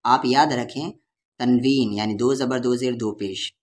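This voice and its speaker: A man's voice: medium pitch, fairly even intonation, a little slow. A man with an Urdu-Hindustani accent teaching Quran reading, patiently spelling out syllables and drawing out the vowels. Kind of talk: letter-by-letter recitation lesson.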